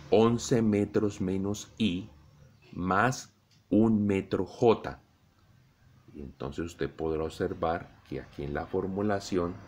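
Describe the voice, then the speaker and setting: A middle-aged Colombian man teaching a physics lesson, explaining slowly and deliberately to his students. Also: low-pitched, darkish tone, a little hiss or hum. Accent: Colombian Spanish. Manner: slow, deliberate explaining, addresses students directly. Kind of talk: recorded classroom lesson.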